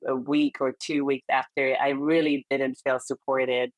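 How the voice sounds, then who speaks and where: Low-voiced Hungarian-accented woman. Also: flat delivery, unhurried, dry recording, muffled recording. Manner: earnest, candid, laughs between phrases. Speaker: guest, perinatal therapist. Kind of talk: conversational interview.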